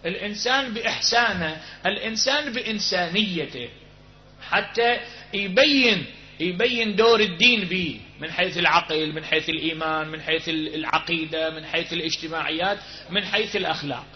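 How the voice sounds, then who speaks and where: A man with an Iraqi Arabic accent preaching a sermon to a congregation, impassioned, stretching key words and then sinking to a low hush. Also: brisk. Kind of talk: sermon with storytelling. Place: hall with a live congregation. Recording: dull lo-fi recording.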